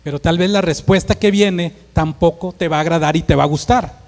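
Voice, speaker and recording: Pastor, male, Monterrey accent, high voice, emphatic sermon in a reverberant hall. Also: a little fast. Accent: northern Mexican, Monterrey. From Mexico. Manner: emphatic preaching, acts out dialogue in a forceful voice.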